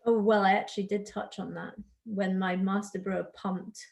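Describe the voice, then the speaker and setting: A woman's voice: mid-range voice, little pitch movement, moderate pace, gravelly. A woman, founder of a drinks brand, chatting as a guest on a podcast with enthusiasm. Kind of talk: casual podcast chat.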